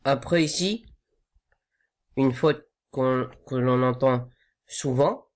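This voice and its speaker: A man teaching correct pronunciation for recitation, patient and repetitive, modelling each sound again and again. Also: medium pitch. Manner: slow, patient, repeats sounds to correct them. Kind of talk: tajwid lesson.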